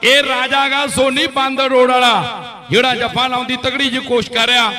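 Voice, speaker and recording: A man with a Punjabi accent doing frantic, excited rural kabaddi commentary, repeating words and names. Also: very high-pitched, fairly quick, a crowd in the background. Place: outdoor village kabaddi tournament.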